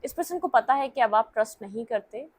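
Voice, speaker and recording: Brisk and animated, a slightly high-voiced young woman works through a casual tarot reading for her audience. Chatty by nature, she drops in English words and regularly checks in with "theek hai" and plenty of "okay"s.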